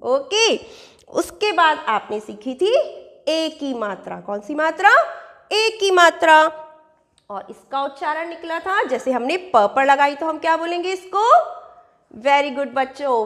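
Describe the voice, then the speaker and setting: Young woman teacher for kids, high voice, sing-song call-and-response, echoey room with long reverb. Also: fairly bright tone. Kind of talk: children's Hindi lesson.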